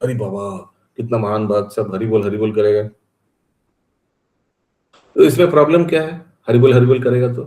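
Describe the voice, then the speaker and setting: A man's voice: mid-range voice, steady tone, moderate pace, pauses often, mellow, echoey room. A man teaching an online scripture class over a video call, explaining in chatty speech and calling on students by name.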